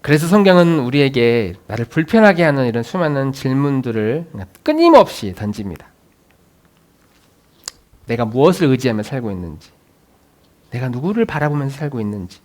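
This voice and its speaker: A man, a pastor, preaching a sermon, swinging between loud, urging lines and soft, musing asides. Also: mid-range voice. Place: church sanctuary.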